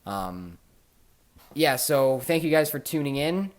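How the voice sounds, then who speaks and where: A man hosting a casual podcast, telling stories in an animated way and swearing often. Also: fairly high pitch, slow. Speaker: podcast host.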